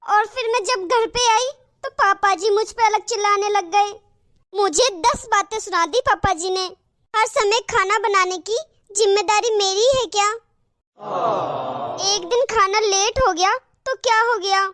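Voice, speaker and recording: A woman's voice: very high-pitched, unhurried, a bit bright. A woman voicing a defiant young daughter-in-law. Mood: complaining. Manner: sulky, defiant. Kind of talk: cartoon voice acting.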